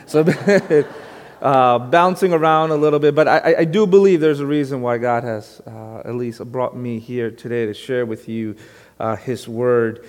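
A man in his thirties from Brooklyn, New York, a guest pastor giving a conversational sermon full of fillers and gentle self-deprecation. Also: mid-range voice, moderate pace, big-room sound.

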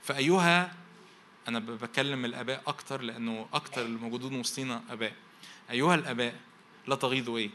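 Rapid-fire Egyptian pastor preaching. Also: male voice, medium pitch, little pitch movement, pushed and bright, slight background noise. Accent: Egyptian Arabic. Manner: asks the congregation to finish verses with rhetorical questions; repeats phrases in rapid parallel lists. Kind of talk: sermon.

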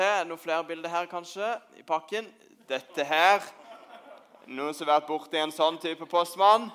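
Man playing impatient postman, playful, chatty, children's church skit, slightly high voice. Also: fairly bright tone, smooth, close to an everyday voice. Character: impatient, joking male postman. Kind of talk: children's church role-play.

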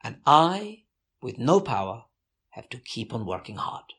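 A man giving a measured, earnest, devout answer in an interview. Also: mid-range voice, very animated, fairly bright tone, slightly rough.

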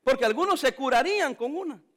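Brief: middle-aged pastor, playful preacher, unusually high voice for a man. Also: lively intonation, fast, a bit bright. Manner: jokey, storytelling preacher, playful. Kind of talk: sermon.

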